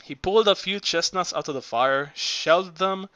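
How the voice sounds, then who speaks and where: Man reading audiobook, bright tense voice, dry close sound, stumbles and repeats. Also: high voice, no echo. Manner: halting, frequent word repeats. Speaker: audiobook reader. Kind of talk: audiobook narration.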